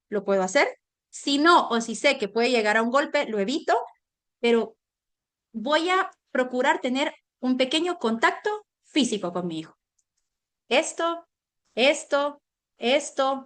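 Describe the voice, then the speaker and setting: Woman doing a parenting class online, bit high voice, keeps checking in with the parents. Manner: animated, addresses parents directly with frequent check-ins. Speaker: parenting lecturer.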